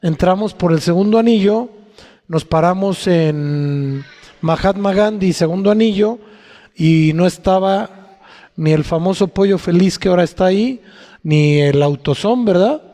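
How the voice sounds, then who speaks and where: A man's voice: high-pitched, measured pace, dark tone. Mexican man, pastor, conversational sermon, questions to the congregation, long church reverb. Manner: conversational preaching, asks the congregation frequent questions. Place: church hall.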